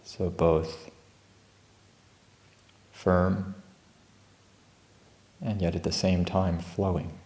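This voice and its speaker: Speaking in a low voice inside a Buddhist monastery room, a male teacher gently leads an unscripted guided meditation. His instructions come calmly and slowly, separated by long pauses, and the sound is roomy.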